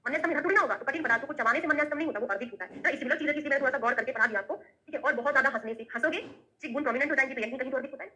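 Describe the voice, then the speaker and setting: Woman teacher, brisk classroom lecturer, slightly high and crisp, constant tag questions. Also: pushed and bright, slight background noise, poor audio. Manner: rapid, explains with questions and Sanskrit verses; frequent tag questions like "hai na". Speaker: Ayurveda teacher.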